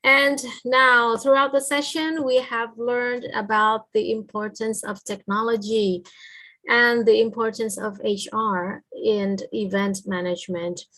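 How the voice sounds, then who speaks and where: A woman's voice: fairly high pitch, fairly even intonation, measured pace, pushed and bright, low-quality recording. A woman with an Indonesian accent, a native Indonesian speaker, giving polite, semi-formal closing remarks as moderator of an online academic lecture, phrasing things hesitantly. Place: video call.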